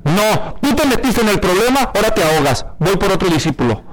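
Give me Jesus as a playful, folksy teacher teasing a disciple, voiced by a preacher mid-sermon, in a fairly high, easygoing voice. The delivery should be relaxed and gently mocking, like a preacher acting out a scene for his congregation. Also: a little fast, crowd noise, low-quality recording.

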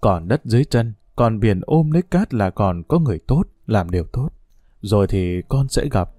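A man reading the part of a gentle old grandfather passing on wisdom in an audiobook story. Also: fairly low pitch, expressive, normal speed, no echo, clean studio sound. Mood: tender.

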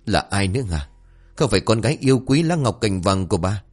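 A man's voice: medium pitch, expressive, fairly quick, husky, faint music behind, pitched above the performer's own voice. A man voicing an enraged, violent young husband with a raised, harsh delivery, in an audio story. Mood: bitter. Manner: shouting accusations, raised and harsh.

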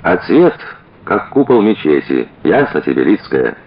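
A man's voice: sits low, very animated, a little slow, dull audio, heavily acted. A man reading aloud and voicing a reserved young woman who speaks curtly and dryly. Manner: curt, dry. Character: dry reserved young woman, policeman's wife.

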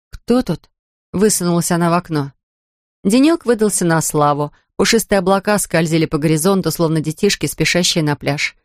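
Audiobook narrator reading steady, mid voice, very dry close mic. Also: medium pitch, no room sound. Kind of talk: scripted narration.

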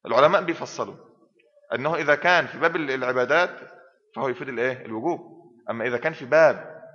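Rapid-fire and a bit bright, this mid-range male voice belongs to a sheikh with an Egyptian accent teaching a class, forever quizzing students and completing their answers. The hall is reverberant and the audio dull and lo-fi.

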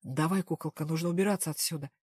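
A tough gangster man, as a woman narrator puts him on, speaks low and firm in short, clipped orders. His voice sits well below her own. The sound is dry and close. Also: steady tone, fast talker, darkish tone, husky, no room sound.

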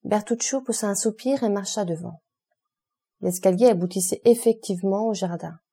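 A woman narrating a classic novel as an audiobook, measured and expressive. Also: medium pitch, husky.

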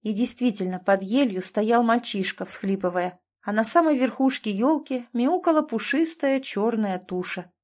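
A woman narrating a novel in a measured, expressive audiobook reading. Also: on the high side.

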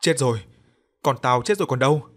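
A man's voice: medium pitch, fairly even intonation, moderate pace, a bit bright, close to an everyday voice. A man voicing a desperate father in debt, who pleads and cries out in an audio story. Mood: frantic, grieving. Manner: pleading, then screaming. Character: desperate grieving indebted father.

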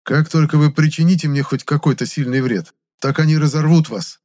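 A man's voice: fairly high pitch, fairly even intonation, brisk, a little mellow, pitched above the performer's own voice, close to an everyday voice. A man voicing a defiant young necromancer hero who taunts his captors. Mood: taunting. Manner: mocking, taunting.

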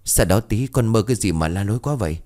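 Man voicing a gruff old village man. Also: lowish voice, expressive, fast talker, warm tone, natural voice. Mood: stern. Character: stern old village man, blunt and decisive.

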